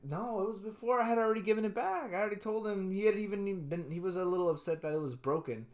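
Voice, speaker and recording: A man's voice: high voice, fast. A young man co-hosting a podcast, telling stories in a loose, profane way and dropping Spanish slang. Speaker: podcast co-host. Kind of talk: casual chat.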